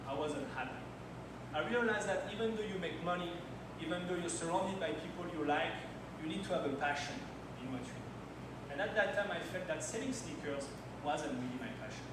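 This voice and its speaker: This conference speaker is a French man in his thirties whose voice sits high, sharing personal stories in English, his second language, with non-native phrasing. It's a timed slide presentation at a launch party. The event hall is very echoey, the mic is far away, and the audio is noisy.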